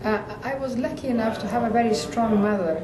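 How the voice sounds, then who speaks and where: A woman's voice: a little high, quick pace, crowd noise. A woman in an interview. She talks in a thoughtful, hesitant way with many fillers. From Afghanistan. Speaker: interview guest. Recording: echoey room, distant mic, background noise.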